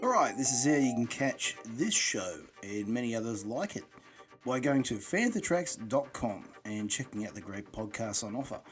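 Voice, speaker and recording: A man's voice: medium pitch, very animated, moderate pace. An Australian man hosts a podcast on his own, talking casually. His delivery is matey and loosely rambling, in a mid-range voice. Music plays behind him. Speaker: podcast host. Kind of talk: casual solo podcast monologue.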